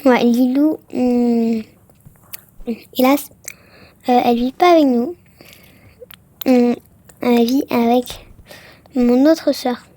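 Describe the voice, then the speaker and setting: A woman's voice: fairly high pitch, steady tone, takes it slowly, pauses often, warm tone. A woman casually commenting on a game she plays for viewers, chatty and full of exclamations and filler words. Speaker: gaming vlogger.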